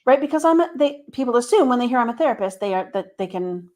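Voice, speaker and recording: A middle-aged woman with a somewhat high-pitched voice talks as a guest in a casual interview. She sounds like a therapist explaining her path, conversational and explanatory. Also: expressive, fast talker, mellow. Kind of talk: casual interview, telling a career story.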